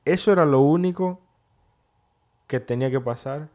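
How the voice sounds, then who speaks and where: A man co-hosting a casual chat, telling his side of a story in a relaxed way and slipping English phrases into his speech. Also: a little high, normal speed. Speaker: co-host.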